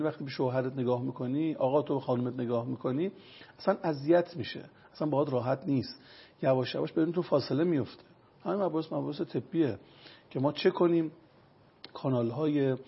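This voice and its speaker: Gravelly, raspy man explaining medicine. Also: medium pitch. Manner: lecturing with everyday examples. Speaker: traditional medicine consultant. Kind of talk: explanatory interview talk. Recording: dull lo-fi recording.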